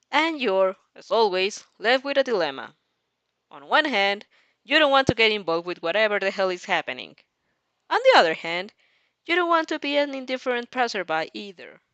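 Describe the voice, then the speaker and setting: This is a fan fiction reader and reactor giving an expressive, informal audio reading dotted with offhand asides. Her mid-range voice swings with lively intonation as she pauses to react and starts sentences over, recorded close and dry without echo.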